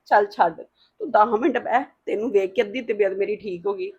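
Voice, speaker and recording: A woman's voice: medium pitch, fairly quick, husky. Worried motherly woman, lo-fi sound. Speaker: mother in a family drama. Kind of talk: emotional Punjabi family drama. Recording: dull lo-fi sound.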